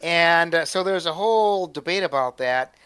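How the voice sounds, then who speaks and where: Man, casual co-host, halting and rambling, smooth fairly high voice. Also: animated, sharp tone, no room sound. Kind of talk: casual chat.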